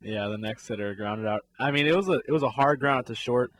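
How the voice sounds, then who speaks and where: A man's voice: medium pitch, fast talker, a bit bright, dry recording. A man co-hosting a sports talk show, casually recounting a game in detail with easy laughs. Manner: laid-back, recounts plays in detail with laughs. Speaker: co-host.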